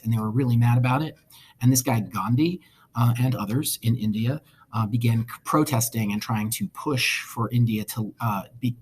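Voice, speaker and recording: A man's voice: mid-range voice, husky. A male history teacher giving a casual recorded lecture, conversational with wry asides.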